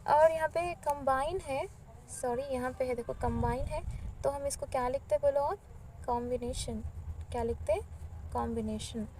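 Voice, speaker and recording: High-voiced woman teaching a lesson. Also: darkish tone, slight background noise, low-quality recording. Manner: explains in Hindi mixed with English, reads English lines slowly. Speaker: English teacher. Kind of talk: textbook grammar lesson.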